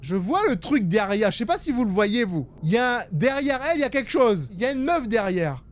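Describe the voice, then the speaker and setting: A man's voice: high voice, big pitch swings, a little fast. A man commentating a horror game as a panicking gamer, jumpy, exclaiming and swearing. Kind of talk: gaming commentary with reading of on-screen text.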